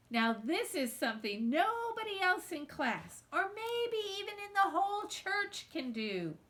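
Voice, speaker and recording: Reading expressively from a children's novel told by a girl in the first person, this children's book reader brings a high, animated female voice to it. She dramatizes the characters' lines and feelings.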